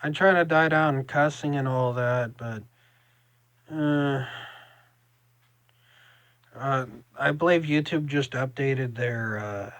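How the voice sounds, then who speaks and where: A young man with a Southern US drawl, chatting casually to camera in a halting, rambling vlog style. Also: mid-range voice, fairly bright tone, no echo. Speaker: vlogger.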